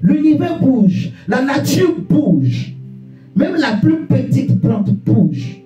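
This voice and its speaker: In an echoey room with faint music playing, a distant mic catches a man's warm, very high voice as he preaches slowly and emphatically. His pitch swings hugely as he repeats phrases and throws rhetorical questions at the congregation.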